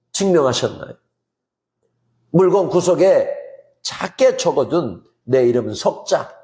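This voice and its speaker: A man delivering a sermon in a gentle, earnest manner, building to emphatic swells. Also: high-pitched. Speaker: preacher. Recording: roomy echo.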